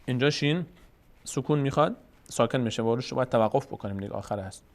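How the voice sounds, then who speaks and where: Tajik man teaching Quran recitation. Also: mid-range voice. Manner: explains rules, then chants example words slowly and drawn out. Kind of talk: step-by-step tajweed lesson.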